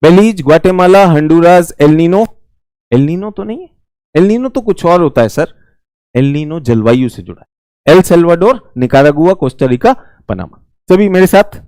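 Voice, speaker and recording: A man's voice: fairly high pitch, animated, normal speed, darkish tone, clear, resonant tone, dry recording, clean studio sound. A man with an Indian accent teaching geography in a live online exam-prep class, chatty and teasing, repeating key words.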